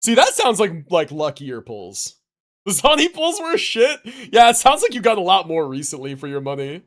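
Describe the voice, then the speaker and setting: With video game music and dialogue behind him, this streamer chats casually and reacts in slang with some mild swearing. His high voice swings hugely in pitch while keeping a normal speed.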